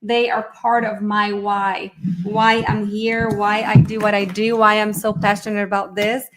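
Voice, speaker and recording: A woman's voice: mid-range voice, level tone, measured pace, roomy sound, a crowd in the background. Upbeat Brazilian-born woman hosting a webinar. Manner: chatty and upbeat, thinking aloud while fixing screen sharing. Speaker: myofunctional therapist hosting a live webinar. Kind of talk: casual live-stream presentation.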